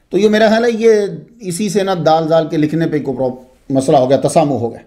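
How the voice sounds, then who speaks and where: A man giving a religious history lecture, telling it expressively with frequent asides. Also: high voice. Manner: expressive, digressive storytelling with asides.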